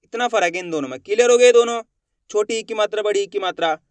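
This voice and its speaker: Guy with a really high smooth voice teaching hindi letters, asks then answers himself, dry close sound. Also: dry recording. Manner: repeats questions, stretches sounds slowly. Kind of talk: classroom lesson.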